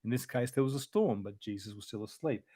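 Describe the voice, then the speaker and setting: A man's voice: medium pitch, quick pace, mellow, husky, dry recording. A man presenting a Bible study lesson in an informal, explanatory way, thinking aloud as he goes. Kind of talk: conversational Bible study teaching.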